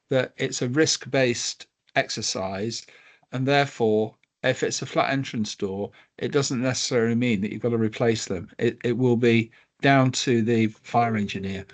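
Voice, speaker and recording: Male working group member on a video call, medium pitch, measured and informal. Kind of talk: informal meeting discussion.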